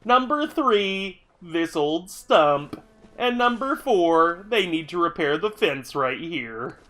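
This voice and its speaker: A man live-streams a video game while stuffy from a cold, chatting with viewers in a rambling, grumbly way and swearing now and then. His high voice swings widely in pitch, sounds bright and forceful, and he takes it slowly.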